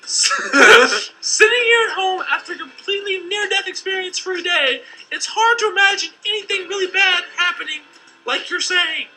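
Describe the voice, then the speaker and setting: A woman's voice: very high-pitched, expressive, moderate pace, bright, forceful tone, faint music behind, exaggerated voice, poor audio. An actress voicing a skeptical young woman in a game who teases a caller warning her of danger.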